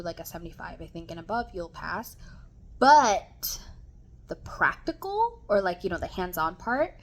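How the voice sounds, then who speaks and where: A woman's voice: on the low side, a little hiss or hum. Rambling young woman eating while chatting. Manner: rambling, talking with her mouth full. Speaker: vlogger. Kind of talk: casual mukbang chat.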